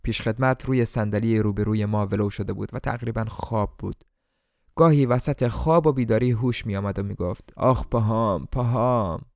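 Low gravelly male audiobook narrator. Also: dark tone, no echo, clean studio sound. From Iran. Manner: colloquial Tehran-style speech in dialogue, formal literary narration. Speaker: narrator reading a novel. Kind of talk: audiobook narration with acted dialogue.

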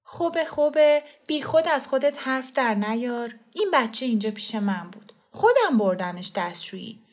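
A woman voicing a sharp-tongued defensive mother. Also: sits high, sing-song, voice pushed up. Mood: defiant. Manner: heated, quick to defend.

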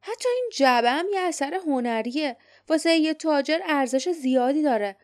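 A woman's voice: high voice, lively intonation, voice pushed up. A woman voicing a wary, practical grown male warrior who questions things in an audiobook.

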